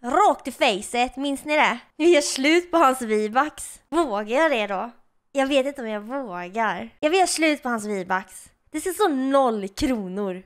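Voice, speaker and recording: A young woman chatting casually to viewers while gaming, giggly and excitable, breaking into shrieks when something surprises her. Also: on the high side. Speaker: girlfriend of the host, gaming on camera.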